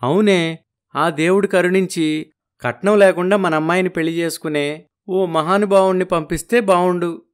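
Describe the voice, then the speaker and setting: A man playing a poor village father from an animated storybook, gentle and humble, with a pleading tone. His voice sits a little above the usual male pitch. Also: moderate pace, lightly acted.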